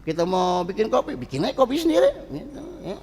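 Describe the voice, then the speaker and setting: A middle-aged preacher with a Betawi Jakarta accent, talking in a lively, colloquial way. His high voice swings widely in pitch and turns gravelly at times. It carries the long reverb of a mosque hall. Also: fast, slight background noise. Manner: animated, colloquial, acts out quoted voices. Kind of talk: sermon.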